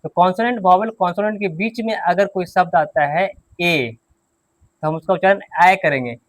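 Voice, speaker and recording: A man's voice: high voice, moderate pace, no echo. A man teaching an English grammar and pronunciation class, patiently repeating key points and quizzing his students.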